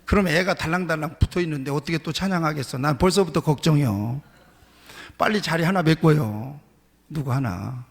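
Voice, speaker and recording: A man's voice: fairly high pitch, fairly quick, creaky, breathy edge. A male pastor preaching a sermon in a church sanctuary, emphatic, often repeating his key phrases. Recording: reverberant church hall.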